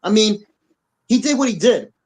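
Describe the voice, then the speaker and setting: Animated, cussing man on a rant. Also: high voice, moderate pace, low-quality recording. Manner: blunt, repetitive, profane, animated. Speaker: podcast co-host. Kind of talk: heated opinion rant. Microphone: on camera.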